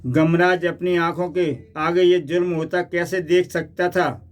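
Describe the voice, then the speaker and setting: Male comic narrator, high and unhurried, measured delivery. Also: little pitch movement.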